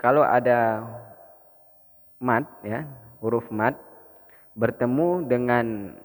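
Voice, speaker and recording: Indonesian man teaching Quran recitation in a mosque hall, unhurried and patient, middle-pitched, long reverb trailing each phrase. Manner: slow explaining, then drawn-out melodic recitation for students to repeat.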